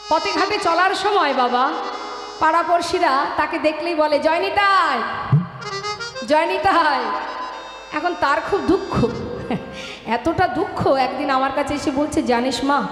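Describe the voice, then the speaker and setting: A woman with a high, bright voice preaches fervently between devotional songs at a live kirtan. She poses rhetorical questions and calls her listeners mother. Her voice carries through a long, echoey hall over faint instrumental music. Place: live stage with loudspeaker system.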